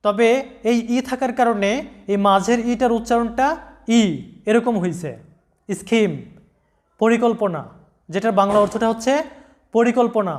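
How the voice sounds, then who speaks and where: A man giving a slow, deliberate vocabulary lesson, spelling out letters and repeating each word. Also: very high-pitched. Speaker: English pronunciation teacher.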